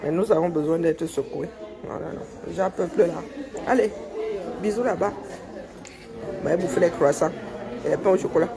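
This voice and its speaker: A woman with a Cameroonian French accent speaks at a middle pitch in a gravelly, creaky voice. Her banter is loud and teasing, as if she is joking with coworkers. She films on a phone in a workplace break area, and colleagues chat clearly behind her. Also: moderate pace, pauses often, crowd noise. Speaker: vlogger filming coworkers. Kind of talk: casual workplace vlog chat. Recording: coworkers chatting in the background.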